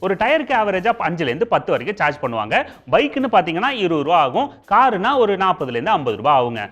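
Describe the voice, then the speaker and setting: Talking fast and very animated in a high, slightly bright voice, this TV host has a Tamil Nadu accent, and the audio is dull. He presents information to viewers directly and conversationally, using colloquial Tamil spiced with comic asides.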